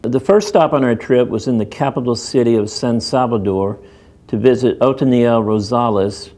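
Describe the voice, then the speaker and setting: A man's voice: medium pitch, normal speed, a little mellow. A man narrating a church mission documentary in a plain, informative way.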